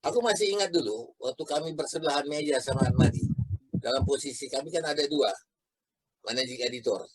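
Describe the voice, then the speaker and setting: A man's voice: medium pitch, brisk, slightly rough, low-quality recording. A man talking in a reflective, casual discussion and telling anecdotes as host. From Medan, Indonesia. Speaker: talk show host, former editor.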